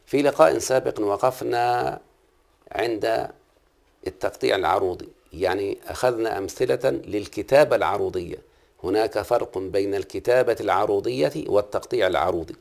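Middle-aged Egyptian-accented male teacher, gravelly voice, patient classroom questioning. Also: lowish voice, a little fast, a little mellow. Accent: Egyptian Arabic. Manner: patient, quizzes the class and repeats key terms. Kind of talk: classroom lesson on Arabic prosody.

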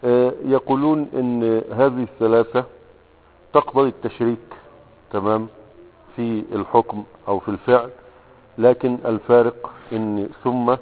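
A man with an Egyptian accent patiently explaining a grammar lesson, posing questions to himself and pausing often to find words. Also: medium pitch, slight background noise. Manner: patient, explanatory, asks and answers his own questions, frequent hesitations. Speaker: teacher of Arabic grammar. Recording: tinny radio broadcast with long reverb.

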